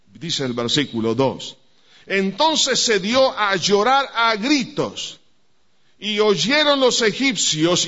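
A man's voice: on the high side, fairly bright tone. A man preaching a sermon to a congregation, speaking emphatically and addressing listeners directly. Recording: dull lo-fi church recording.

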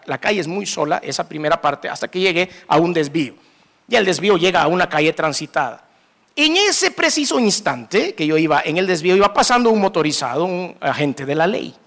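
A man's voice: sits high, gravelly. A man with a Salvadoran accent preaching a sermon, telling a story with humor and acting out the scenes. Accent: Salvadoran Spanish. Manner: animated, acts out scenes, mixes humor into preaching.

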